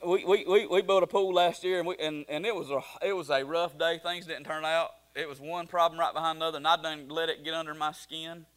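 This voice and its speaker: A middle-aged man preaches in a folksy, rambling way, full of restarts and fillers. His voice sits a little high for a man. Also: fairly even intonation, a little fast, few pauses, fairly bright tone. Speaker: pastor. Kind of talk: sermon.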